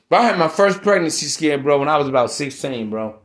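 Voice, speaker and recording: A man in his thirties hosting a podcast, talking casually and giving blunt, profane lectures. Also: on the high side. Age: 30s. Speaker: podcast host.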